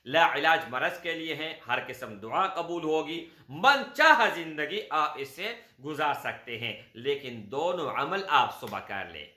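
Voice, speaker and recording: A man gives religious instruction at an unhurried pace, walking listeners through each step and calling them brother. His voice is very bright and ringing, with a lively rise and fall. The sound carries a roomy echo. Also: on the high side. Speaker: spiritual guide.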